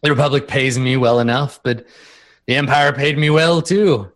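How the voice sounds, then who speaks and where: A man's voice: mid-range voice, fairly bright tone, natural voice. A man voicing a smug, rich whale-like alien minister. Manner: slow, drawling and self-satisfied.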